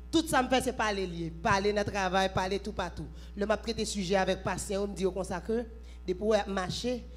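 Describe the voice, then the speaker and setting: A woman's voice: mid-range voice, a little mellow. A woman with a Haitian accent leads a church prayer vigil, mixing Creole, French and English and breaking into sung worship.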